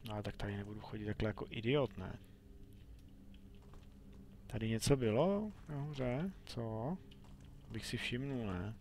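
Gravelly young man narrating gameplay. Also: lowish voice, lively intonation, pauses often, a little mellow, a little hiss or hum. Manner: chatty, talks to himself and the game, playful outbursts. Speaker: let's play gamer. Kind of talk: casual gameplay commentary.

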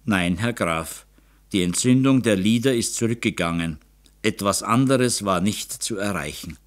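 A man voicing a cautious, tactful doctor who speaks in a measured, deferential way. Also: on the low side, lightly acted. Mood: somber.

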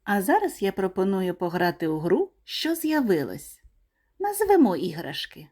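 A woman teaching small children in a slow, sing-song lesson voice, pronouncing each word clearly and deliberately. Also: mid-range voice, sing-song, darkish tone. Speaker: kindergarten teacher.

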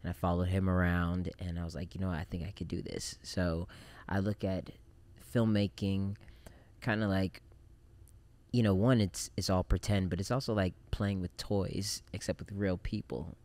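Male podcast guest, thirties, low voice, relaxed and reflective. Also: normal speed. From Japan. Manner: relaxed, reflective, many fillers. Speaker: podcast guest, film director. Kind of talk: casual interview chat. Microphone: studio mic on boom arm.

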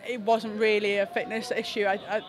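A woman's voice: medium pitch, level tone. A young woman speaks as a rugby captain in a post-match press scrum, her delivery level and unvaried. She thinks aloud, stopping and restarting phrases often. Close handheld press mics catch her indoors. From England. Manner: reflective, halting with frequent restarts. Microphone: several handheld press mics close to her face.

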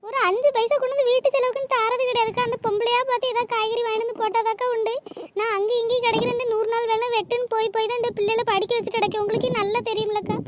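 A woman's voice: very high voice, flat delivery, racing. A woman voicing a grieving, tearful village mother in a cartoon, speaking in a lamenting way. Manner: lamenting, pleading. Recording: noisy cartoon voice track.

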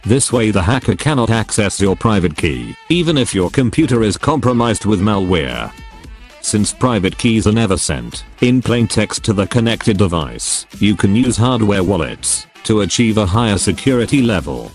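A synthetic male robot voice, computer-generated and pitched on the low side. It narrates a scripted explainer in a flat, even delivery. Quiet music plays faintly behind it. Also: normal speed. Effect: robot text-to-speech voice.

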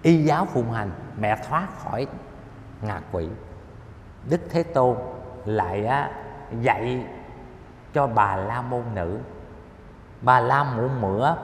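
A man giving a colloquial, emphatic Buddhist dharma talk, telling stories with drawn-out filler particles. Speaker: Buddhist lecturer. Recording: echoey hall with faint rumble.

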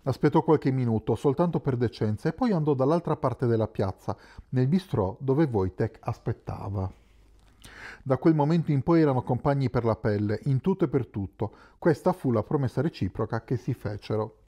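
A man narrating a literary novel as an audiobook in a calm, measured way. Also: medium pitch. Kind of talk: scripted narration.

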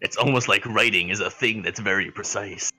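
A man's voice: fairly low pitch, fairly quick, bright, forceful tone, faint music behind, rough recording. A man cracking crude jokes and interjections while a friend reads a visual novel aloud. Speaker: co-host. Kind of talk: comedic banter.

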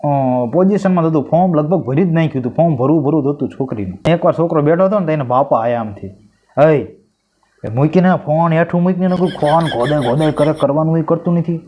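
A man telling a string of jokes, lively and mimicking the voices of the people in them. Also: fairly high pitch, fast, hardly any pauses, breathy edge. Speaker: stand-up comedian telling jokes. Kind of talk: joke-telling monologue. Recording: dull lo-fi sound.

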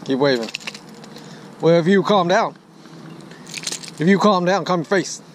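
An American angler films a fishing vlog from a bass boat on a lake, keeping up casual, playful running chatter and repeating himself in a folksy way. His voice is high-pitched with a measured pace. The noisy outdoor boat audio picks up everything.

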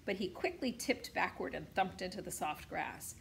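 A woman teacher reading a children's novel aloud to her class, expressive, with small slips now and then. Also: fairly low pitch, normal speed, a little hiss or hum. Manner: expressive read-aloud with occasional slips and throat clearing.

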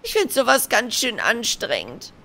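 A man's voice: very high voice, wildly swooping pitch, moderate pace, noisy background, pitched above the performer's own voice, exaggerated voice. A man voicing a chatty, fussy female animal villager, reading game dialogue aloud. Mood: gossipy. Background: game music.

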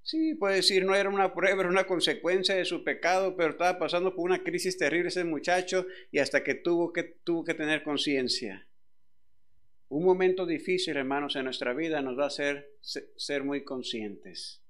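A middle-aged man preaches. His voice sits somewhat high for a man, and his storytelling swings between quiet, confessional passages and loud, emphatic lines. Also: steady tone, fairly quick. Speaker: pastor. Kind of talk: sermon with personal story.

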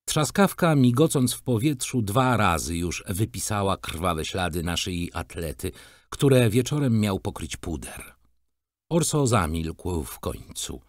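A man reading a literary story aloud with expressive storytelling and voiced characters. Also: lowish voice, dry recording, clean studio sound. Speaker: reader.

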